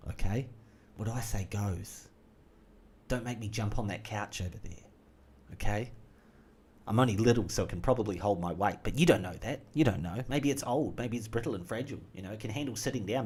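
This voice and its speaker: A man's voice: on the low side, a little fast, a little mellow, a little hiss or hum. A man chatting casually while gaming, rambling off on jokey tangents. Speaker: gaming streamer.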